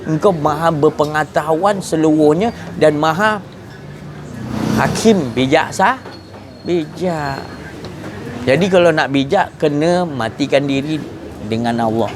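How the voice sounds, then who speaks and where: A man giving an informal religious lecture, animated, moving between hushed and emphatic. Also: on the high side, unhurried, pauses often. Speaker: religious teacher. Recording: outdoor traffic noise behind.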